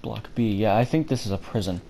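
A man with a dry throat streams a horror game, muttering uneasily and swearing at the characters while commenting casually. His fairly low, mellow voice is expressive and brisk, with vocal fry. Faint game ambience can be heard in the background.

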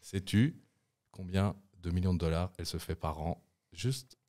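A man's voice: low-pitched, moderate pace, darkish tone. A young man co-hosting a casual podcast in a studio, joking around and breaking into bits of song. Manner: playful, breaks into snatches of song. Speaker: podcast co-host.

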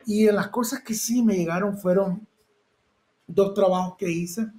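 Nicaraguan guy, high voice, tells his stories all animated, does the shouts and bang sounds himself. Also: a little slow, poor audio. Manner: vivid storyteller, acts out shouted quotes and sound effects. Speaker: photojournalist guest. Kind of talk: personal storytelling interview.

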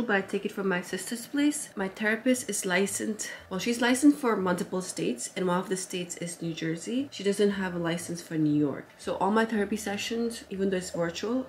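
A woman's voice: medium pitch, echoey room, slight background noise. A woman in her thirties from Nepal, chatting casually to camera in a vlog while getting ready in her apartment. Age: 30s. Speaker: vlogger. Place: apartment at home.

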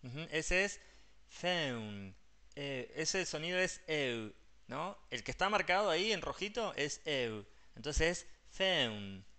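A man's voice: a little high, normal speed, hardly any pauses, bright, forceful tone. A man with a Rioplatense Spanish accent, an English teacher patiently explaining pronunciation step by step and mixing English terms into his Spanish.

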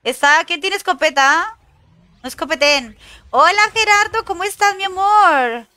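A young woman from Chile streaming a game, chatting excitedly, swearing at opponents and greeting viewers. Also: very high voice, unhurried, dry recording. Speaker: gaming streamer. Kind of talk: casual live-stream chat while gaming.

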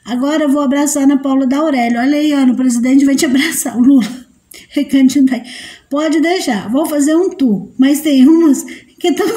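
A Brazilian woman hosts a relaxed live stream, greeting viewers by name and dissolving into giggles. Her voice sits high yet sounds mellow and soft rather than bright. She talks in a loose, chatty way. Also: normal speed. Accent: Brazilian Portuguese. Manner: giggly, bursts into laughter often; sweet high baby-talk to a pet.

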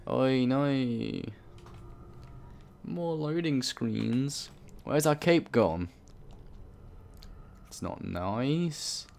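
A man's voice: medium pitch, lively intonation, drawn-out words, vocal fry, long pauses, darkish tone. A man hosting a let's play, rambling and swearing through his gameplay commentary. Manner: swearing, rambling, self-talking. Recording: voice under game noise.

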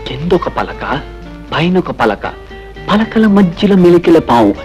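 A playful young lover who teases in a rising, falling voice. Film music plays clearly behind him in the soundtrack. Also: male voice, fairly high pitch, very animated, unhurried, a little mellow, dull audio. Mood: teasing. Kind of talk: film dialogue.

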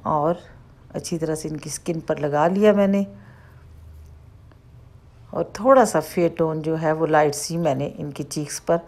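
Woman with a Pakistani Urdu accent, makeup artist, chatty step-by-step tutorial voice-over, slightly low voice. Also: darkish tone. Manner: chatty, explains each step as she goes.

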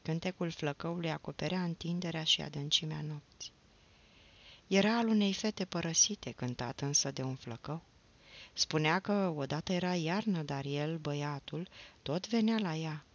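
A woman reading a novel aloud as an audiobook, in a measured storytelling manner. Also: deep voice, dull audio. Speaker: audiobook reader.

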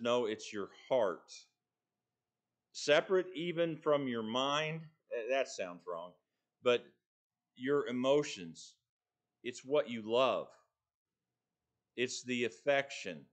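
A middle-aged man preaching a sermon from a church pulpit, earnest and deliberate, pausing between phrases. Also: mid-range voice. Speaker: pastor.

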